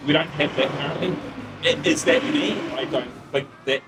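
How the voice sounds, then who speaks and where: A man in his fifties with a New Zealand accent, a guest in a casual interview, talking bluntly and briskly with many restarts. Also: on the high side, fairly even intonation, over music. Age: 50s.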